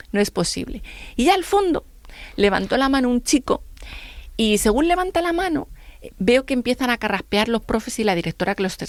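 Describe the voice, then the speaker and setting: Middle-aged woman, gravelly voice, dry close sound, lively storytelling on radio. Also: mid-range voice, no room sound. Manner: lively storyteller acting out dialogue. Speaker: guest.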